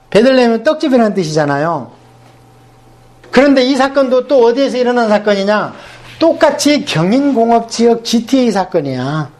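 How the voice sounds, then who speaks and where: A man's voice: high voice, a little mellow. A male pastor giving a Bible seminar lecture, teaching emphatically and asking the class rhetorical questions.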